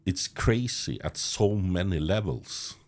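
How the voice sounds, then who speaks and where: A very deep-voiced Norwegian man, whose first language is Norwegian, hosts a conversational podcast interview. His tone is animated and darkish, and his speech is halting, full of restarts and chuckles mid-sentence.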